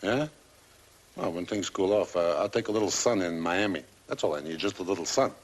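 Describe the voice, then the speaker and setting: An actor playing a sly, wheedling racketeer in an old crime drama, with mock-hurt slangy talk. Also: male voice, low-pitched, brisk, slight background noise, natural voice.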